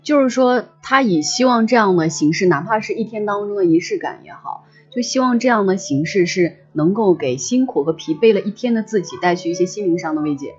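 A woman's voice: medium pitch, expressive, a little fast, hardly any pauses, husky, muffled recording, soft background music. A woman hosting a livestream, chatting casually and reflectively and often restating her phrases. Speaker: livestream host. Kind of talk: casual reflective chat with listeners.

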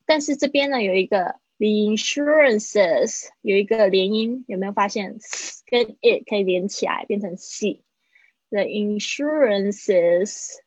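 A woman teaches English in a livestream lesson. Her voice is a bit breathy, at a middle pitch. She says the phrases slowly, then explains them briskly, and the dry recording sounds slightly muffled. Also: no echo. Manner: slow drilled English phrases between quick Mandarin explanations.

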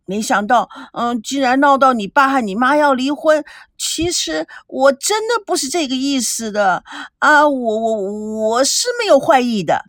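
A woman's voice: sits high, lively intonation, a little slow, fairly bright tone, dry recording, studio quality, pitched above the performer's own voice. A woman voicing a jealous, guilty woman who stammers, whines and pleads in an audiobook. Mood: whiny, evasive. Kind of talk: audiobook character reading.

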